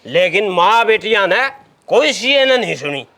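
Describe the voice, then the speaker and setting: Man playing a cheeky village drunk, high and sharp. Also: big pitch swings, unhurried, heavily acted. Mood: cocky, argumentative. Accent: Haryanvi. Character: cheeky, argumentative drunken village son-in-law. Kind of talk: village comedy sketch acting.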